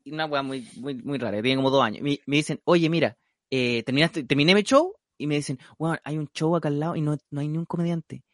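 A man's voice: fairly high pitch, quick pace, a bit bright, no echo, clean studio sound. A man with a Chilean accent, a stand-up comedian talking loosely in a casual chat. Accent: Chilean Spanish. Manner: loose slangy talk with restarts.

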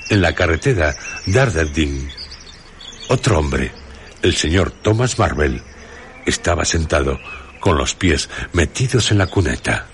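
A man narrating a radio drama in a measured storytelling voice. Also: a bass voice, sing-song, a little hiss or hum. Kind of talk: scripted narration. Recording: faint outdoor ambience with birds and insects.

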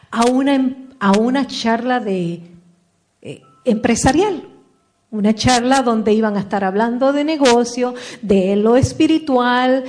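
A woman's voice: a little high, darkish tone. A middle-aged woman giving a personal testimony talk, telling her story with feeling and re-enacting her own past words.

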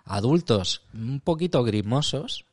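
A man's voice: medium pitch, animated, a little slow, no echo, studio quality. A man co-hosting a casual comedic podcast chat, often repeating words as he searches for what to say. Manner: hesitant, repeats words while searching for them. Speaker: podcast co-host.

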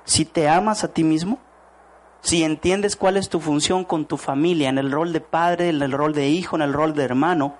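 A man's voice: on the high side, steady tone, normal speed. A man giving a motivational talk to an audience, asking rhetorical questions and acting out quoted voices. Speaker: network marketing speaker.

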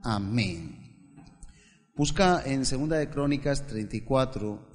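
A man's voice: mid-range voice, animated, unhurried, soft background music. A male pastor, praying and preaching a sermon, who stumbles over repeated words and builds to emphatic passages. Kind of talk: sermon with opening prayer. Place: church hall. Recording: long church-hall reverb.

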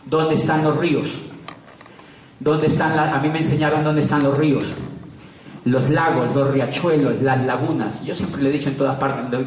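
A man's voice: fairly high pitch, slight background noise. A middle-aged man, talking to an audience with rhetorical questions and repeated words for stress. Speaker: public speaker. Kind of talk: lively talk to a live audience. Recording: echoey room, from far off.

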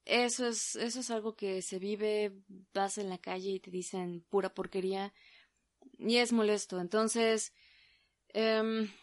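A woman's voice: mid-range voice, fairly even intonation, measured pace. Thoughtful Mexican woman in casual chat.

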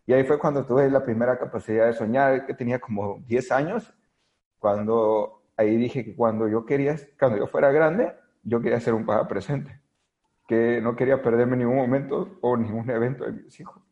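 A man's voice: mid-range voice, normal speed, reverberant. A man with a Mexican accent, a podcast guest telling his story in an earnest, hesitant way with many fillers. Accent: Mexican Spanish. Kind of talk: storytelling in a conversation. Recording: dull lo-fi audio.

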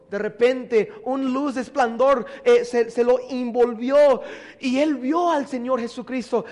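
A man preaches in an easy, conversational way, asking his listeners questions and searching for words. His voice is very high and he speaks slowly. A long hall echo trails every phrase. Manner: conversational, asks the audience questions, stumbles over words. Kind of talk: sermon.

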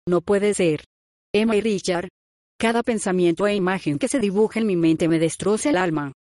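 A woman narrates a first-person audiobook, speaking the dialogue of every character in her own everyday voice. Her pitch sits in the middle, and the recording is dry and close, with no room sound. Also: normal speed, darkish tone, dry recording. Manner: reads all characters' lines in her own voice.

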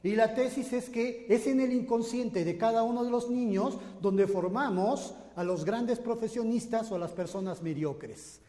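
A man's voice: extremely high pitch, moderate pace, few pauses, warm tone. A Mexican man giving a live motivational lecture on sales, theatrical, acting out voices and joking with the audience. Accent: Mexican Spanish. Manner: theatrical, acts out voices and echoes, jokes with the audience.

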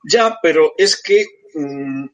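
A man's voice: on the high side, expressive, slow. A man, a rock musician guest talking emphatically in casual chat, repeating himself with many fillers. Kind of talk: casual talk-show chat.

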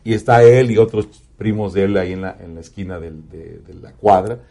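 A man with a Mexican accent, a radio announcer telling personal stories in a casual, animated way, swearing freely. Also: low-pitched, brisk. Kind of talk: casual storytelling in an interview.

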